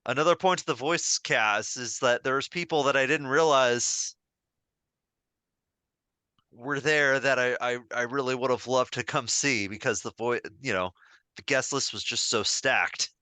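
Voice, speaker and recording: Man, podcast co-host, casual chat, bright tone, dry close sound. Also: mid-range voice, unhurried, smooth, dry recording. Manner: chatty, animated when recalling a story.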